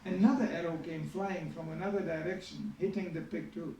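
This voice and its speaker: A man's voice: fairly high pitch, steady tone, fairly quick, a little mellow, slight background noise. A man giving a storytelling sermon in a conversational way, with frequent asides to his listeners. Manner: conversational, many asides to the audience. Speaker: spiritual teacher giving a scripture class. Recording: echoey hall, mic at a distance.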